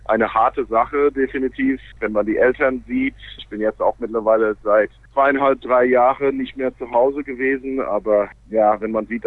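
A man's voice: on the low side, dry recording. A man from Canada, a native English speaker, talks casually in fluent German with an American accent and small grammar slips, as a guest in a radio interview. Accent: North American. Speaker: interview guest, baseball player. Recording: narrow, phone-like radio sound.

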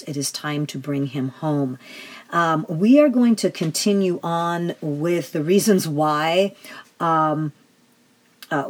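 A woman hosting activist talk radio, speaking earnestly and emphatically in a halting way, searching for words and restating phrases. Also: sits low, darkish tone. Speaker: radio host.

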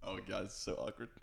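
A young man chatting casually with a friend, sheepish and easygoing, his voice prone to cracking. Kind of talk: casual chat.

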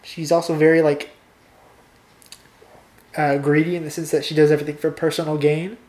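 A young woman chatting casually with a friend and reading out a story she wrote, playful and quick to laugh. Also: sits low, flat delivery, darkish tone, echoey room. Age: young adult. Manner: playful, laughs easily, reads a story aloud. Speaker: co-host.

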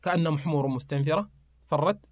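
Fast-talking man telling old stories. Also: on the high side, dry recording. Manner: animated storyteller reciting poetry, fillers. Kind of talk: storytelling in casual chat.

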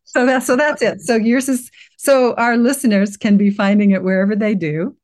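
An older woman gently guiding a listener through an inner awareness exercise, reassuring and unhurried, with frequent restarts. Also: on the high side, fairly even intonation. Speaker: guest teacher guiding a practice. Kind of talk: guided meditation walkthrough in conversation.

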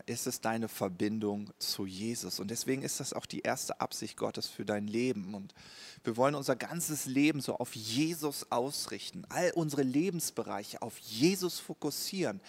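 Guy giving a sermon, slow and earnest, keeps asking "ja?". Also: mid-range voice, vocal fry. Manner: slow, earnest, with frequent rhetorical "ja?". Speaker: preacher.

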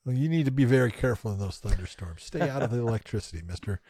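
Quick dry-humored man, dry mic. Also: mid-range voice, lively intonation, mellow, dry recording. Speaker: podcast co-host. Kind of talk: casual podcast chat.

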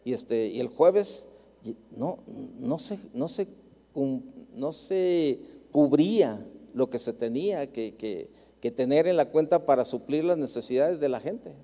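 Mexican pastor preaching in a reverberant hall. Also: male voice, medium pitch, expressive, unhurried, mellow. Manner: storytelling preacher who repeats phrases for emphasis. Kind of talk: sermon.

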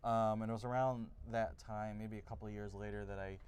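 A man's voice: lowish voice, flat delivery, brisk, a little mellow, clean tone. A man being interviewed as an author, answering casually at a live bookstore event. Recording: noisy live room recording at bookstore.

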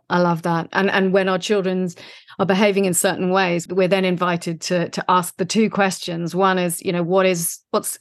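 Woman podcast host, gentle and affirming, low-ish pitch, level intonation. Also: no room sound, studio quality. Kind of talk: casual chat.

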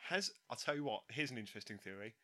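A man with an Essex accent and a bright voice, co-hosting a casual podcast. He giggles often and keeps the banter moving with questions. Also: medium pitch, animated, fast talker. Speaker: podcast co-host.

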